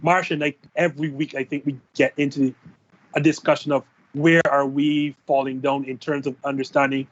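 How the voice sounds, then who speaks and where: A man's voice: mid-range voice, little pitch movement, normal speed. A man hosting an interview show, chatty and loose, with lots of "like", heard over a muffled video call. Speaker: show host. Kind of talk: casual interview talk.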